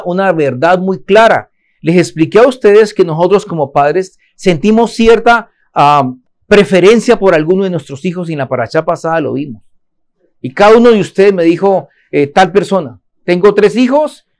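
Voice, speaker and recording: A man's voice: sits high, a little mellow. A man teaching a Torah lesson, asking his listeners questions and answering them himself.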